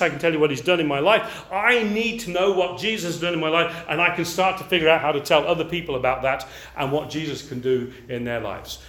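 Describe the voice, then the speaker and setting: An older Englishman delivers a sermon in a fairly high voice. He is animated and keeps checking in with his listeners through rhetorical questions.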